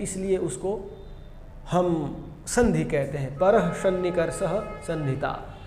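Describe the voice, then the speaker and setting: A man with a high voice gives a grammar lesson at an unhurried pace, going over each rule and repeating the key points. He sounds like he is in a roomy space with a long reverb tail. A faint hiss sits under his voice. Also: warm tone. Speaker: teacher. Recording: echoey room with long reverb, faint noise.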